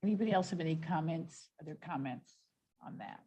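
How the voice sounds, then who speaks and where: A woman's voice: deep voice, mellow, poor audio. Woman chairing a commission meeting. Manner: methodical, reads wording out slowly. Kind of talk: leading a public meeting. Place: meeting room.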